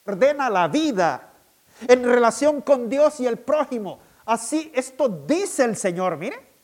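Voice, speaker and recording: A male pastor delivering a sermon in a high voice that swoops up and down with great animation. He speaks slowly and deliberately and repeats each key point so it sinks in. His manner stays emphatic throughout. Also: very animated, darkish tone.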